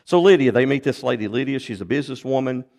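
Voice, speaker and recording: A man preaching a sermon in a mid-pitched voice with a gravelly edge. He tells the story animatedly, jumping up in pitch and volume and then dropping low. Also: expressive, quick pace, darkish tone.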